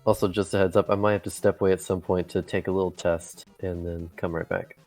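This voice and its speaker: Brief: sick-sounding man as game master, low voice, chatty, faint music underneath. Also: little pitch movement, fast talker, darkish tone. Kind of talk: casual chat over voice call.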